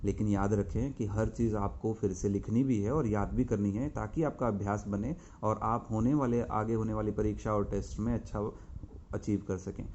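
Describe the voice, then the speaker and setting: A man teaching small children, drawing out each letter sound slowly and stressing the right way to say it. His voice is dark and mellow. The recording is dull and lo-fi with a faint hiss behind it. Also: lowish voice, fairly even intonation. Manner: slow, carefully sounded-out recitation with firm corrective emphasis. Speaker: school teacher. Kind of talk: recorded online lesson for young children. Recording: dull lo-fi audio with faint noise.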